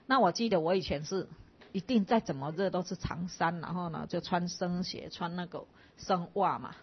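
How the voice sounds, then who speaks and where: A Buddhist nun from Taiwan, telling stories in a chatty way and acting out the dialogue with lively jumps in pitch. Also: female voice, normal speed, slightly rough. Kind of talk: casual storytelling talk. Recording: dull lo-fi recording.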